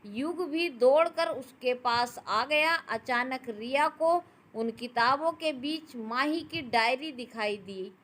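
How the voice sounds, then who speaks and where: A woman storyteller reading a family drama in calm, steady scripted narration. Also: sits high, slow pace.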